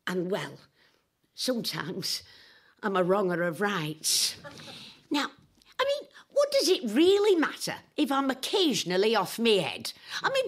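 In a dramatic audio monologue, an older woman plays an eccentric, boozy, flamboyant adventuress who time-travels, her husky, breathy drawl sounding confiding. The voice sits mid-range and is heavily acted, with a playful, boastful mood.

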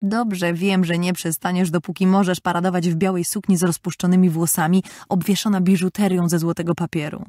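A tomboyish, bossy teenage girl, lively and bold, read by a woman. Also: fairly low pitch, fairly quick, hardly any pauses, dry recording, close to an everyday voice. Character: boyish, brash teenage girl.

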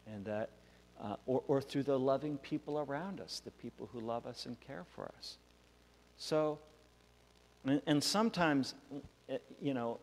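A pastor telling a Bible story to children in a church, animated and acting out the voices. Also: male voice, medium pitch. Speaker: pastor giving a children's message. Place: church sanctuary. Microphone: wireless mic. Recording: church hall reverb with faint hum.

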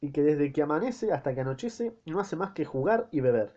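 A man's voice: a little high, expressive, brisk, warm tone, muffled recording. A man reading the lines of an angry wife who is fed up with her husband, in a reproachful, indignant tone.

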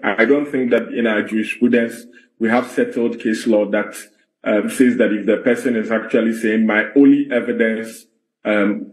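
A man with a Ghanaian accent giving legal analysis in an interview, formal and measured, with hesitant phrasing. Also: fairly low pitch, darkish tone. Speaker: legal commentator. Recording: roomy, echoing interview audio.

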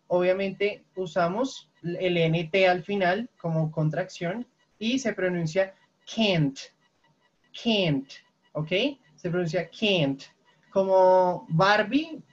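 Brief: woman teacher on an online call, patient, keeps checking in, lo-fi audio. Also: mid-range voice. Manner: patient, checks often for questions. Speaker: English teacher. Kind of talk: online class, explaining grammar. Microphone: video call.

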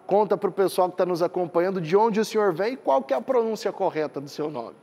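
A man's voice: high-pitched, animated, fast, mellow. A man working as a TV reporter, asking an interview guest friendly, upbeat questions. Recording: husky voice in long reverb.

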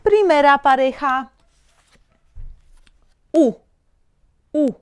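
A woman teaching pronunciation, saying each word slowly and several times over. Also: high voice. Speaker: language teacher. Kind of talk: slow pronunciation lesson.

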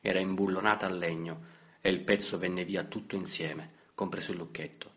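Deep-voiced male audiobook narrator. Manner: measured, steady reading. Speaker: audiobook reader. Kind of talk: scripted literary narration.

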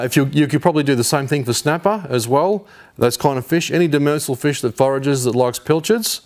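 Aussie guy in his 50s, laid-back fishing how-to, chatty step-by-step, garage workshop. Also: mid-range voice. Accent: Australian. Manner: easygoing, explains step by step with casual slang. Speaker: fishing channel host. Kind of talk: hands-on tutorial. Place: indoor garage workshop with shelves.

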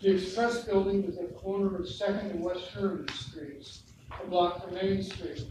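At a local history talk, an older American-accented speaker from Lebanon, Oregon, long resident there, reads written reminiscences aloud in a steady, medium-pitched voice at a moderate pace. The meeting room's hard walls and a camera placed far across it make the audio distant, echoey, and noisy.

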